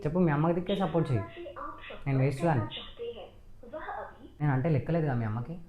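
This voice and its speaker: A man's voice: fairly high pitch, fast, a crowd in the background. A man, arguing insistently with his wife and raising his voice in a staged family quarrel. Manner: accusing, insistent, raises voice. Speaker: husband.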